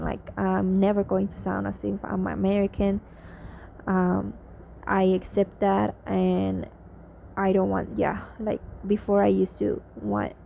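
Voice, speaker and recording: Drained and hesitant, a young Mexican vlogger keeps a spoken diary in accented English, her first language being Spanish, full of fillers and false starts. She has a gravelly, warm, mid-range voice, and the lo-fi recording is slightly dull with faint noise.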